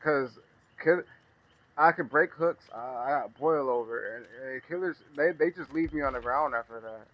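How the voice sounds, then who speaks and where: A man giving casual, rambling commentary while he plays a video game, chatty and quick to laugh at his own jokes. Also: medium pitch, dull audio. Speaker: gaming streamer.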